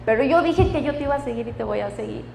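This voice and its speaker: A woman's voice: fairly high pitch, expressive, quick pace, gravelly, darkish tone, in a large hall, slight background noise. A woman giving her personal testimony in church, emotional and laughing often as she quotes the voices of God and friends.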